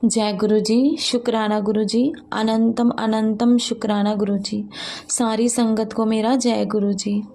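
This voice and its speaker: Gravelly, flat-voiced woman sharing faith testimony. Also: fairly high pitch. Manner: halting, many fillers and restarts. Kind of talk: devotional testimony talk.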